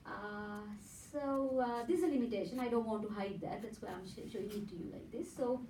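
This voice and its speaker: In a hotel conference room, a woman from Sri Lanka gives an academic presentation in a Sri Lankan accent, Sinhala being her native tongue. Her slightly high, dark-toned voice moves fairly quickly as she explains things stepwise, regularly tossing in "right?" to check understanding. Captured from a distance in an echoey space, the clip has slight background noise.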